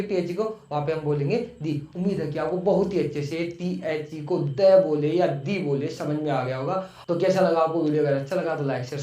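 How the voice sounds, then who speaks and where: A man's voice: sits high, a little mellow. A male online English teacher patiently explaining a grammar rule to viewers, repeating each point and asking rhetorical questions. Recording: echoey room.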